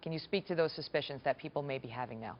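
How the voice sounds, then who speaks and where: A news anchor questions her guest quickly and persistently. Her voice is notably low for a woman, and it comes through dull and lo-fi like an old broadcast recording. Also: a little hiss or hum. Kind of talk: live TV news interview.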